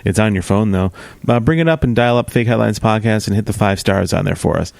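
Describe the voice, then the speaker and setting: A man's voice: lowish voice, fast talker, vocal fry, a little mellow, no room sound. A man co-hosting a comedy podcast who jokes bluntly and swears casually.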